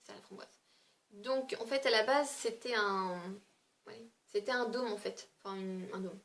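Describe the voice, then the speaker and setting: A woman's voice: a little high, measured pace, fairly bright tone. A woman beauty vlogger chatting casually through a product review, talking loosely with frequent fillers and small hesitations.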